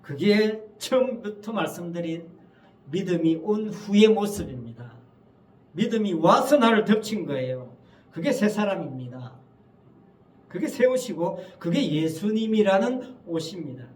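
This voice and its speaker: A man's voice: high voice, lively intonation, a little slow, a little mellow. A male pastor preaching a Sunday sermon in a church, emphatic and full of rhetorical questions to the congregation. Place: church sanctuary. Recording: echoey church hall, mic at a distance.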